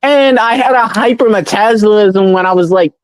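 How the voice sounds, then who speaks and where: A young woman chatting with friends in a blunt, excitable way, full of slang and swearing. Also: medium pitch, normal speed, smooth, no echo, rough recording. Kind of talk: casual chat.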